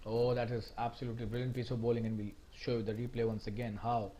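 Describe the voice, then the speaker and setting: A man giving live cricket commentary, excitable and shouting at the big moments. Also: medium pitch, quick pace.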